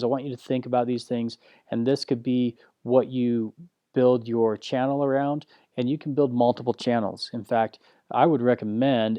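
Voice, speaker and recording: A man teaching a recorded online course in a slow, low-key, unanimated way, often restarting his sentences. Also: mellow, no room sound. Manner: frequent restarts and filler words.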